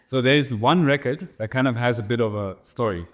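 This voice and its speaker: A DJ guest in his thirties, from Germany and Namibia with a slight German accent, tells stories about his records in a casual interview. He rambles, restarts often, and tags sentences with "right?", speaking at medium pitch and normal speed.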